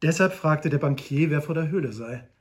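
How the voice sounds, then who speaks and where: A man narrating an adventure novel aloud with lively storytelling. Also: on the high side, a little fast. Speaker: audiobook narrator.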